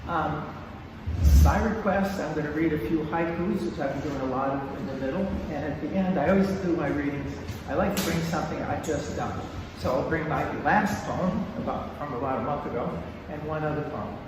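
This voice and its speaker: A man's voice: a little high, normal speed, background noise. An older man, a poet, chatting casually with fillers between poems he reads aloud. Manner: rambling, folksy, many fillers. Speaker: poet giving a reading. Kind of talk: poetry reading with casual asides. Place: church hall. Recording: echoey hall, distant mic.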